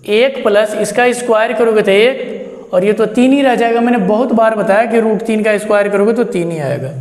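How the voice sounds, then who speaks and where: A man with a high voice teaches a math lesson and walks through every step. He asks his own questions and answers them in a friendly, chatty tone. The room is echoey, with a long reverb trailing his words. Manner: chatty and encouraging. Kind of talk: classroom lesson.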